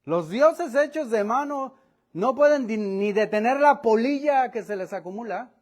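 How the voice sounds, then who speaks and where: A male pastor preaching a sermon, reading scripture aloud and explaining it earnestly, often trailing to quiet phrase endings. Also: very high-pitched, animated, unhurried.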